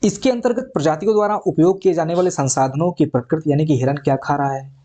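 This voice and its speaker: A man's voice: on the high side, fast, mellow. A man teaching an exam prep lesson, going over points again and checking in with his students often. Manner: repeats points, checks with "ठीक है". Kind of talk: online exam lecture.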